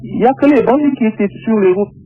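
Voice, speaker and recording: A man's voice: high voice, fast talker. A man with his voice disguised by a voice changer, giving hesitant eyewitness testimony over the phone and stumbling on repeated words. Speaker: anonymous eyewitness caller. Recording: narrow phone line.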